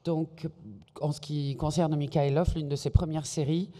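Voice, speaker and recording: Male interpreter, very dark mellow tone, self-correcting delivery, long hall reverb. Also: a little high, flat delivery, moderate pace. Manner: fluent but self-correcting, with fillers. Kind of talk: consecutive interpreting into French. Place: large hall.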